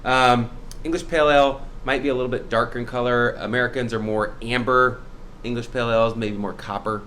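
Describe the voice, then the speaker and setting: A young man hosts a casual brewery vlog, chatting upbeat about specials and beer styles with playful sound effects. His mid-range voice is brisk and fairly bright with fairly even intonation, and there's a little hiss or hum in the recording.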